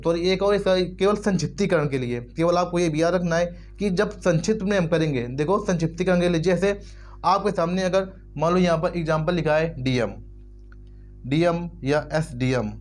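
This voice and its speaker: A man's voice: a little high, a little mellow. A man teaching English grammar in Hindi, repeating words over and over and spelling them out letter by letter. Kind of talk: explanatory lesson in Hindi.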